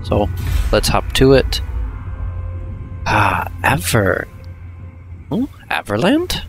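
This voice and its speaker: A man giving casual let's-play commentary, thinking aloud in an unhurried way with hesitant asides. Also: lowish voice, huge pitch swings, soft background music. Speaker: gameplay commentator.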